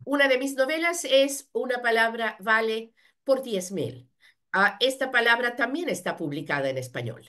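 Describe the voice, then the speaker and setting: A woman's voice: a little high, expressive, moderate pace, fairly bright tone. A woman interpreting at a seminar, fluently rendering the speaker's words in the first person.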